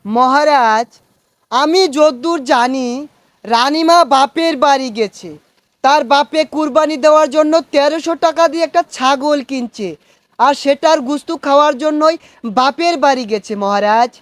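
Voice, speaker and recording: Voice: high-pitched, moderate pace, no echo, close to an everyday voice. An actor playing a fawning male minister in a comic skit, speaking. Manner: fawning, says 'Maharaj' again and again.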